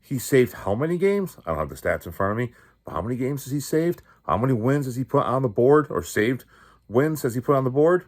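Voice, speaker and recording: A man hosting his own show, ranting about his sports team with loud outbursts, muttered asides and rhetorical questions. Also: mid-range voice, lively intonation, brisk. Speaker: podcast host. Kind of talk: fired-up sports rant.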